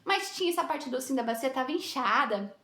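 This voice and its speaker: A young woman telling a personal story to camera in a lively way, laughing often and acting out what people said. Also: high-pitched, fast. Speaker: vlogger. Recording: echoey room.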